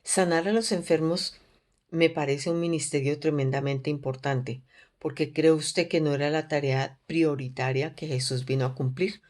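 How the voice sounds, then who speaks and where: A woman teaching a Bible study in an earnest, measured way, often posing questions to her listeners. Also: deep voice, a little mellow.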